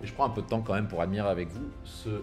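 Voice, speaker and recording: A man gives business advice outdoors at sunset, filming himself as he talks. His delivery is punchy and emphatic, with slang and a few swear words thrown in. Soft music plays quietly behind him. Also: on the low side, racing. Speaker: business coach for copywriters. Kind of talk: casual advice monologue to camera. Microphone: camera filming himself.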